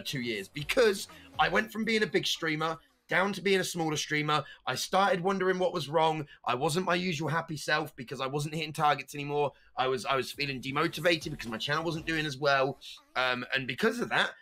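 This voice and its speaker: A man with a slightly high voice and a stutter talks casually as a streamer guest on a podcast, occasionally breaking out into loud meme voices.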